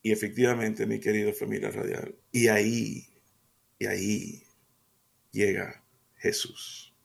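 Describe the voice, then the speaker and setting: A man's voice: on the low side, level tone, unhurried, gravelly, breathy edge. An older man hosting a radio devotional, talking in an earnest, folksy way with many hesitant fillers.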